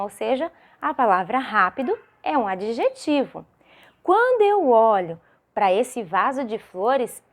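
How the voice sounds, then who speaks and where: A woman primary school teacher with a Brazilian Portuguese accent, giving a recorded video lesson for young children and drawing out syllables in a sing-song way. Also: on the high side. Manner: slow, sing-song, drawn-out syllables with many rhetorical questions.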